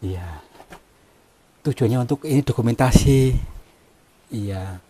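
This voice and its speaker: A man exploring a cave, talking in a hushed, hesitant and apologetic way with many fillers. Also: mid-range voice, takes it slowly, slightly rough. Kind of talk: hushed polite on-location talk.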